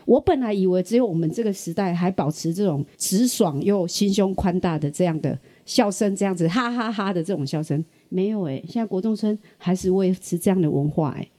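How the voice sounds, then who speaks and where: A woman's voice: on the low side, a little fast, hardly any pauses, dry recording. A middle-aged woman from Kaohsiung with a Taiwanese Mandarin accent, hosting a casual podcast chat and telling stories with acted-out quoted voices. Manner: animated storyteller who acts out quoted voices. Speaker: podcast host.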